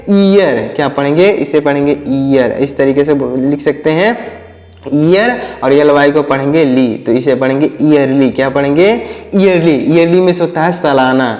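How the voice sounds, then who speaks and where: A man with a fairly high voice teaches English words to children, spelling each one out letter by letter and asking them to repeat it. The sound is roomy and carries a long echo. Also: a little mellow. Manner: calls the children and asks them questions. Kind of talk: spelling and vocabulary lesson for children. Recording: echoey room with long reverb.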